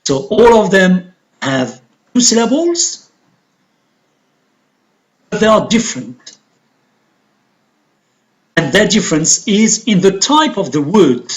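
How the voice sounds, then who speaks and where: Slow, lively-pitched male teacher. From Algeria. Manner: slow and deliberate, stressing key words. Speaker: English teacher. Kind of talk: classroom lesson on word stress.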